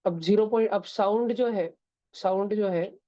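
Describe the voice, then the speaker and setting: Chatty woman physics teacher, mellow voice. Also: mid-range voice, normal speed, no room sound, dull audio. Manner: chatty, keeps checking students follow. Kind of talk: classroom lecture.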